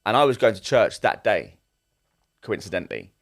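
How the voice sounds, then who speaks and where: A man's voice: on the low side, sing-song, normal speed. A young man telling a rambling story in casual chat as a podcast co-host, full of restarts. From England. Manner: rambling anecdote with many restarts.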